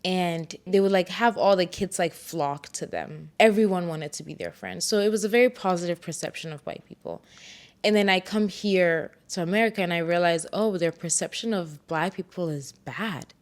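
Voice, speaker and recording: A woman's voice: on the low side, normal speed. Candid young woman from Ghana podcasting. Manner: candid, reflective storytelling with bursts of playful self-hype. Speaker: podcast host. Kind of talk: solo podcast monologue.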